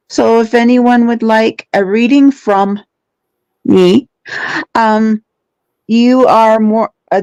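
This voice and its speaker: A woman's voice: fairly high pitch, darkish tone, no echo, dull audio. A woman guest chatting casually, hesitant and often searching for her words. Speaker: guest who gives readings. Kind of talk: casual chat.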